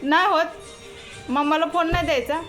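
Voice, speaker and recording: High-voiced mother teasing her child. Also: fairly even intonation, brisk, fairly bright tone, faint music behind. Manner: coaxing, teasing talk with a little child. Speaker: mother and vlogger. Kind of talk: casual family vlog talk.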